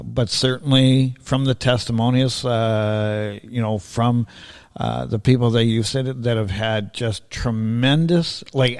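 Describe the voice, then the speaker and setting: A man's voice: mid-range voice, a little mellow. Easygoing man hosting a casual interview. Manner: easygoing, many fillers and restarts, casual swearing. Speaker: podcast host.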